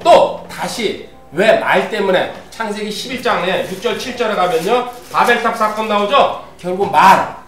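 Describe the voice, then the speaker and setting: A man's voice: high voice, fairly bright tone, slight background noise. A man preaching a sermon as a pastor, reading scripture aloud and putting questions to the congregation. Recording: roomy, distant, faint ambience.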